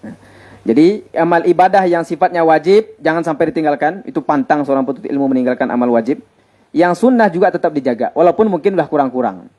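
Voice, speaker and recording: A man's voice: on the high side, quick pace, a little mellow. A man, a teacher at an Islamic boarding school giving students holiday advice in a conversational way, repeating his points for emphasis.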